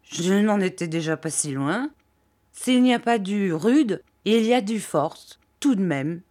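A woman's voice: medium pitch, expressive, a little slow, a little mellow, lightly acted. Woman voicing a hearty old fisherman.

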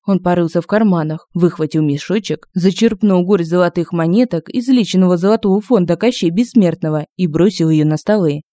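A woman reads a comic fantasy story aloud with expressive, lively delivery. Her voice is mellow and soft-toned, and it sits close on a dry home-studio mic. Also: fairly low pitch, fairly quick, few pauses, no room sound. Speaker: audiobook narrator. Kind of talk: scripted narration of humorous fantasy.

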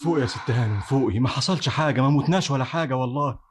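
In an old radio play, a man voices a flustered young Egyptian who hurries to calm everyone down. He talks quickly, and his voice is husky. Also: mid-range voice, close to an everyday voice. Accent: Egyptian Arabic. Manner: hurried, placating. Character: flustered young aspiring actor soothing a woman. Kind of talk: vintage radio drama acting.

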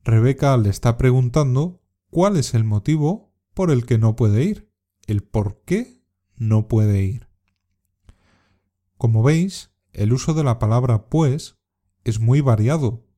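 A man teaches a scripted language lesson, talking slowly and carefully. His voice is mellow and relaxed. He sets out each example so that learners can copy his intonation. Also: mid-range voice. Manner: slow, careful, modelling intonation for repetition. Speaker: Spanish teacher.

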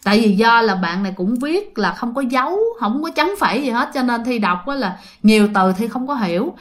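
A woman with a fairly quick, animated, high-leaning voice tells a ghost story. Her casual horror storytelling is chatty, and she talks directly to her listeners.

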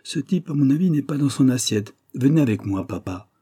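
A man's voice: mid-range voice, expressive, brisk, dark tone, husky, voice pushed up. A man reading an audiobook, voicing a cocky young man who speaks in a mocking way.

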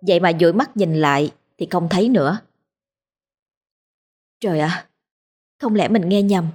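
A woman narrating a ghost story in a steady, dramatic reading. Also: on the low side.

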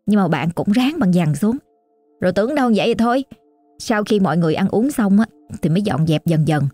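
A woman's voice: mid-range voice, lively intonation, fairly quick, dark tone, no room sound, faint music behind. A woman with a Southern Vietnamese accent telling a story in a chatty, colloquial, exclamatory way. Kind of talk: casual oral storytelling.

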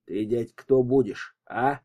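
A man's voice: medium pitch, takes it slowly, muffled recording. A man doing a cocky sneering street thug. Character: swaggering young street thug, mocking.

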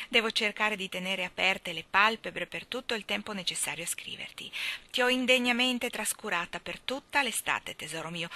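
A woman voices a chatty young woman reading her letter aloud from a storybook. The tone is bright, breezy and playful. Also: mid-range voice.

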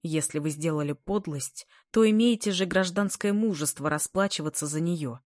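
A woman reading a story, voicing a calm, serious and honest young student. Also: lowish voice, normal speed, no room sound, studio quality, natural voice. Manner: calm, serious, slightly mocking.

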